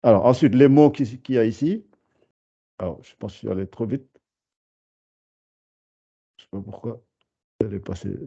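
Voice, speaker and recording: A man teaching a beginner lesson over a video call, patient, hesitant and full of fillers, drawing out syllables slowly. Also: lowish voice, creaky, mellow, breathy edge, highs cut off. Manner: hesitant, many fillers and restarts. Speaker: Arabic teacher.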